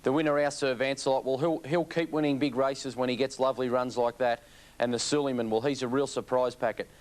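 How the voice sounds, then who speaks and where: A man's voice: medium pitch, fairly even intonation, brisk. An Australian man giving race analysis as a harness racing pundit on television.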